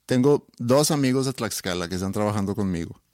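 A Swedish-born man in his forties, a native Swedish speaker, whose Spanish carries a Monterrey accent with a slight foreign tinge. He talks in a relaxed, easygoing way, chatting casually. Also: lowish voice, fairly quick, no room sound, studio quality. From Sweden. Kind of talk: casual chat.

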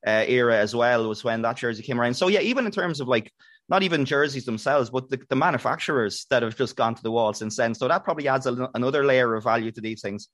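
A man's voice: mid-range voice, fast, a bit bright, dry recording, clean studio sound. A middle-aged man with an Irish accent talking casually as an interviewer in a conversational discussion.

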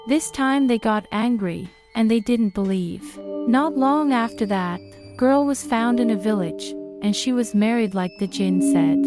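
A woman from Turkey, narrating a paranormal anecdote as a storyteller. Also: fairly high pitch. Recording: music behind the voice. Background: prominent music.

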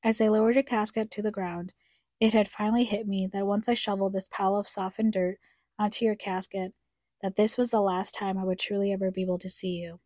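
Mellow somber woman narrating. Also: mid-range voice, flat delivery, fairly quick, no room sound, studio quality. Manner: somber, reflective, addressing her late mother. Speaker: podcast co-host narrator. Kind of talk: scripted personal narration.

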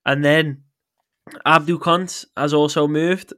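Brief: man, podcast host, slightly high voice, chatty, quick to laugh, quizzing his co-host. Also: fairly even intonation, pushed and bright. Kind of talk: casual football podcast chat.

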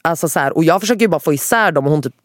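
A young woman telling a wild story in casual podcast chat. She is animated, swears a lot and often drops English phrases into her talk. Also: deep voice, dry recording, studio quality.

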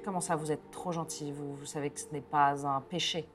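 A woman voicing a calm male priest hearing a confession, asking measured, formal questions. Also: sits low, over music, natural voice. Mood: solemn questioning.

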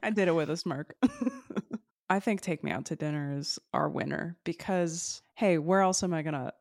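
Wry low-voiced woman co-host. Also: very animated, moderate pace, vocal fry, no room sound, studio quality. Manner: wry, self-mocking storytelling. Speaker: podcast co-host. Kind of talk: casual chat.

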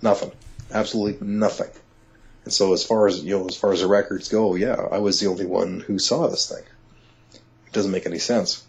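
A man talking as an interview guest, telling a personal story in a halting way, full of restarts and "you know", and he gets excited when he is amazed. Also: deep voice, slightly rough. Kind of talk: conversational storytelling. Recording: dull lo-fi audio.

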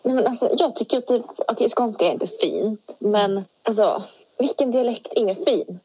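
Young woman w a scanian accent, warm husky voice, teasing her cohost in a casual chat, dry close sound. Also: fairly high pitch, no echo, poor audio. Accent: Scanian Swedish. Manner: teasing, quick to poke fun. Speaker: podcast co-host.

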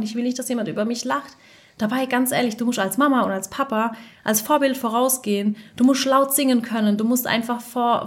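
A woman in her thirties, a dubbing voice actress and mother, chatting casually and telling lively stories with acted-out quotes. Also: on the high side. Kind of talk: casual chat.

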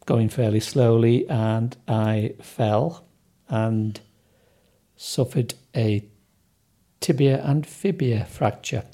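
A middle-aged or older man with a soft Sunderland accent, recalling things hesitantly as an interview guest. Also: medium pitch, fairly even intonation, slow pace. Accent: softened Sunderland. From North East England, Sunderland area. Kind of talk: casual recollection in an interview.

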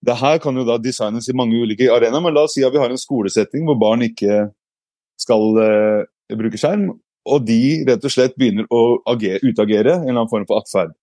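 A man's voice: mid-range voice, dark tone, no echo. A man giving a casual explanatory talk, reflective, with frequent hesitations and restarts. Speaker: speaker.

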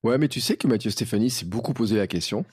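A man chatting on a podcast in a lively, familiar way. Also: fairly low pitch, quick pace, husky, no room sound, studio quality. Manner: chatty, lively, many "tu vois". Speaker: podcast host. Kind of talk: casual podcast conversation.

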